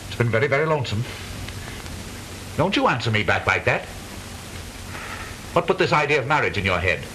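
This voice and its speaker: An actor playing a blustering, easily flustered middle-aged father in stagey 1920s comedy film style, halting and repeating himself. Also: medium pitch, very animated, bright, forceful tone, low-quality recording. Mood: blustering, stern. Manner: stagey old movie actor delivery, blustering, halting repetitions. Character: blustering, lonesome widowed father, flustered businessman. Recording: hissy 1920s film soundtrack.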